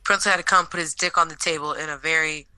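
A woman's voice: deep voice, steady tone, fast, bright, forceful tone, smooth, no echo. A woman co-hosting a podcast, chatting casually with wry, blunt asides about TV episodes. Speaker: podcast co-host. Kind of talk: casual chat recapping TV episodes.

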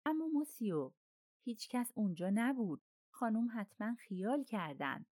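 Frightened, pleading male conductor, pitched well up and loud, read by a woman; storybook audiobook. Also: big pitch swings, dry recording, studio quality. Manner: protesting, high-strung and insistent.

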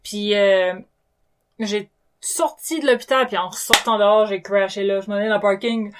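A woman with a Québécois French accent, a nurse and comedian, telling lively anecdotes in a casual interview and slipping in English words. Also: medium pitch, normal speed, background noise.

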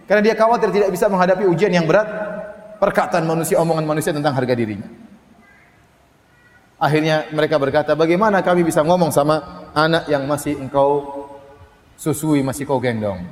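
A man delivers a storytelling sermon in a lively, theatrical way, stretching out Arabic verses slowly. His voice sits somewhat high for a man. The recording carries a long, echoing hall reverb. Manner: lively, dramatizes quoted voices with rising pitch, chants Arabic slowly. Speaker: Islamic preacher.

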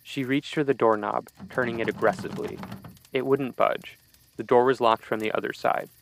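A man reading a scripted horror story in a steady, measured storytelling way. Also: medium pitch, creaky, slight background noise, low-quality recording. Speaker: narrator.

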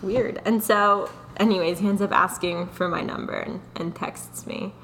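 A young woman co-hosting a podcast, telling a dating story in a casual, animated way, often laughing and mocking herself. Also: medium pitch, moderate pace, a little hiss or hum. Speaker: podcast co-host.

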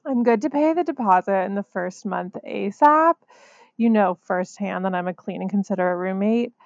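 A man's voice: high-pitched, moderate pace, vocal fry, no echo, lo-fi sound, voice pushed up. A man voicing a sweet, breezy young woman reading her text message. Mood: sugary.

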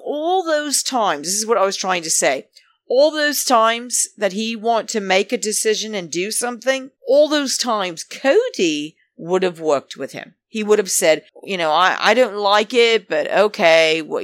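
A woman's voice: on the low side, fairly bright tone, no echo. Chatty rambling woman, dry close sound. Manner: rambling, chatty, calls listeners darlings; acts out quoted speech. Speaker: reality show commentator. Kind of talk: casual chat.

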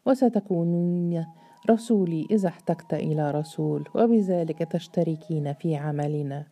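A woman voicing a calm, kindly man who leads his household and speaks in a quiet, gentle, reassuring way. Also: low-pitched, normal speed.

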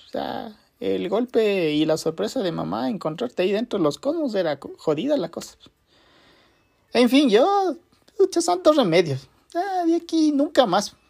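A man's voice: high voice, gravelly, darkish tone. Rambling man telling a story. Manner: rambling, repeats phrases with many fillers. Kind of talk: casual personal anecdote.

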